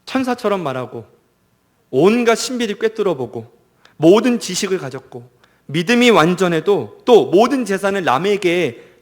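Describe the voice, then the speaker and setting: A man preaching to young adults with earnest conviction. His voice sits a little high for a man. He poses questions and answers them himself, swelling in volume and then sinking nearly to silence. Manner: earnest preaching with rhetorical questions, rising and dropping to near silence; reads scripture aloud in a raised voice. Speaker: pastor. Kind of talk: sermon.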